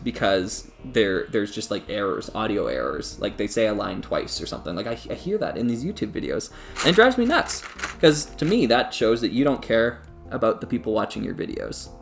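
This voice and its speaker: A man hosting a casual live stream, rambling to his viewers with plenty of restarts. His voice has a gravelly texture and a lively, roaming pitch. Soft guitar music plays faintly in the background. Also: brisk. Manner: rambling, talks to chat, many restarts and laughs. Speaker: YouTube creator live streaming.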